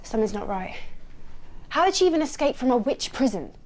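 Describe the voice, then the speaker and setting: A woman's voice: on the high side, sing-song, a little fast, over loud music, poor audio. An actress in her twenties playing an anxious, sensible, sceptical sister, with a British accent in a comedy web series. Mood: suspicious.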